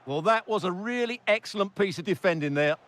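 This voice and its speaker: Male match analyst, higher voice, measured and assessing. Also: lively intonation, fairly bright tone, a little hiss or hum. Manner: measured analytical remarks on defending and goalkeeping. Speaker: co-commentator.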